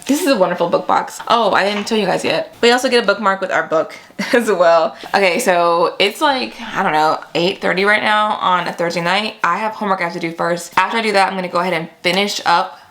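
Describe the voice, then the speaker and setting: Speaking briskly in a medium-pitched, slightly bright voice, a young book vlogger keeps things chatty and informal. She sprinkles in slang and treats her viewers like friends in this casual vlog chat.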